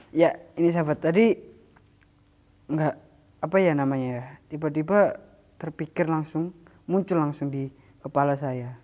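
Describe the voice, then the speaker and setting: A man's voice: a little high, unhurried, pauses often, a little mellow. A man hosting a spiritual mystery channel in casual chat, loose and talkative with many fillers and frequent laughs.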